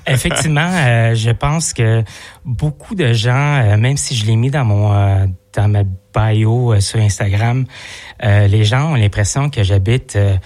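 A man's voice: mid-range voice, unhurried, a little mellow. A man with a Québécois French accent, a guest in a radio interview, speaking hesitantly with many fillers and repeated words. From Montreal area, Quebec. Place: radio studio.

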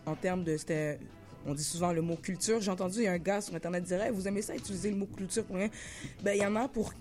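A woman in her thirties with a Québécois French accent, a rapper chatting in an interview, laid-back, halting, full of slang and restarts. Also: fairly low pitch, a little mellow. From Laval, Quebec. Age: 30s. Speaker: rapper guest. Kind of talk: casual interview chat.

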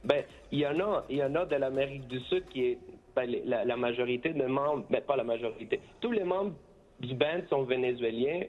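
A man's voice: medium pitch, fairly quick, dull audio. A man who grew up in Costa Rica, a band member giving a casual radio interview, hesitant, with many restarts, moving between French and Spanish.

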